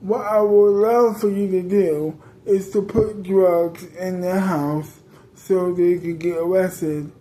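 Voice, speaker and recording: A woman's voice: fairly low pitch, slow pace. A woman playing a cruel, taunting crime boss. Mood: scheming. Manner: calm, taunting, menacing. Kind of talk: improvised storytelling.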